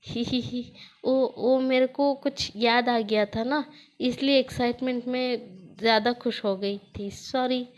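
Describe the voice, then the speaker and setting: A woman's voice: on the high side, fairly even intonation, slow pace. A woman voicing a playful, talkative young woman in a storybook drama. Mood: sheepish. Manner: teasing, talkative.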